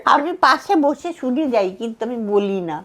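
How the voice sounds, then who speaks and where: A woman's voice: on the high side, normal speed, a crowd in the background. An older woman, an actress and dubbing artist, chatting on a podcast and acting out the lines she once voiced. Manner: animated storyteller who acts out dialogue. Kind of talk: casual podcast chat.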